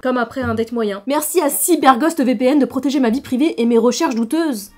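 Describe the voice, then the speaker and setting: A woman's voice: sits high, fairly quick, dark tone, soft background music. A woman talking to camera in a casual vlog, playful and sarcastic, with jokey asides. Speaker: YouTuber. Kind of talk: casual vlog monologue with sponsor read.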